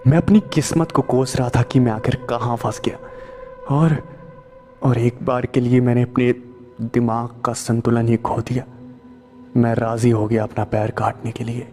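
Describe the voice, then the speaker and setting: A man narrating a first-person horror story in slow, tense storytelling. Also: medium pitch, fairly even intonation, mellow, faint music behind. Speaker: storyteller narrating as a truck driver.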